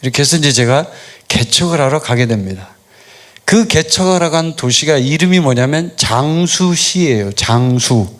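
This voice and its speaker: A middle-aged man, a pastor, preaching a sermon in a relaxed storytelling way, asking questions and answering them himself. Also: fairly high pitch, normal speed. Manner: storytelling, conversational, asks and answers his own questions. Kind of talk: sermon with personal stories.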